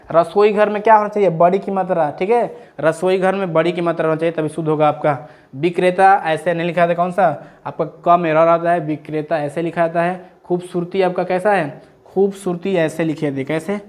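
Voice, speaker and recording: Young male tutor, high voice, exam-prep lesson, keeps quizzing the viewer. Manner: drills students with repeated rhetorical questions. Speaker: teacher.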